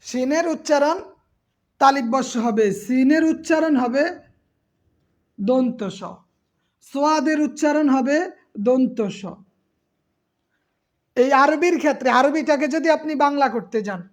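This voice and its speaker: A woman's voice: high-pitched, unhurried, pauses often. A woman teacher giving an exam-prep class, patiently repeating terms and quizzing her students.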